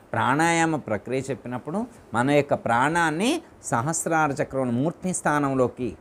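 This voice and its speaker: A man as spiritual teacher giving a discourse in a private home, repeating his phrases and putting questions to his listeners. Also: medium pitch.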